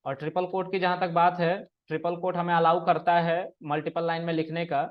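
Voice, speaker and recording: A man's voice: on the high side, level tone, a little fast. A man teaching programming in a casual classroom way, explaining step by step and checking that students follow. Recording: dull lo-fi recording.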